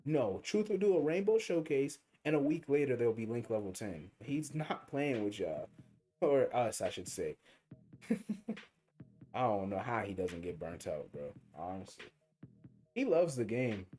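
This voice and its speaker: With a dark-toned, mid-range voice, a young man provides casual livestream commentary on a mobile game. He's slangy and rambling, thinking aloud as faint game music plays behind him.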